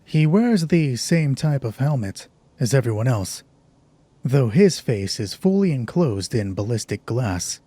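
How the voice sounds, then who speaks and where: With big pitch swings and a warm, medium-pitched voice, a man talks a little slowly, with no room sound. He's narrating and explaining the rules of a solo tabletop roleplaying game he hosts, casually thinking aloud and making self-deprecating asides.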